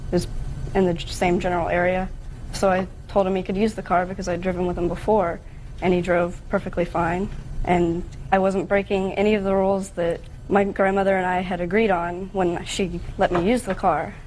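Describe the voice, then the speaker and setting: A woman's voice: fairly low pitch, level tone, brisk, darkish tone, a little hiss or hum, poor audio. A young woman giving testimony and answering questions in court.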